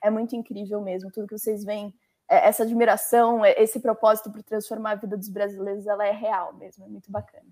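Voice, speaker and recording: A young adult woman with a Brazilian Portuguese accent, a guest talking in a lively, chatty way with many fillers in an interview. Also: medium pitch, fast talker. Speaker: legal coordinator, guest. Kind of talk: conversational interview.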